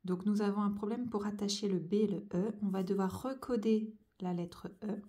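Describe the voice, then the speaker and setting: A woman's voice: mid-range voice, fairly even intonation, normal speed, dark tone. A woman teaching young children to join cursive letters, going over each stroke and sound patiently, one step at a time. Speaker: handwriting teacher.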